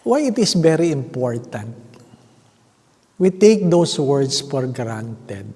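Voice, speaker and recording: A man's voice: medium pitch, big pitch swings, slow pace, warm tone, husky. A priest telling a story in his homily to pilgrims, asking the crowd questions as he goes and mixing Tagalog with English. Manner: storytelling, often asks the crowd "Ano po?". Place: large stone church. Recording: long church reverb.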